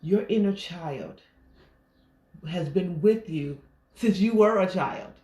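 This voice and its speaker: A woman life coach giving a gentle, reflective affirmation talk, pausing often. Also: fairly low pitch, animated. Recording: roomy echo.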